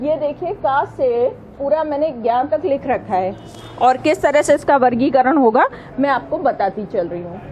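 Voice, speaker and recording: A woman's voice: high voice, a little mellow, a little hiss or hum, low-quality recording. A woman teaching an exam-prep grammar lesson, patiently sounding out letters one by one and asking questions she then answers herself.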